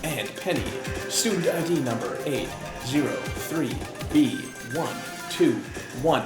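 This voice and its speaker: A man putting on a calm, flat computer voice with an even, announcing delivery while voicing a game. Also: fairly high pitch, takes it slowly, echoey room, loud music behind the voice.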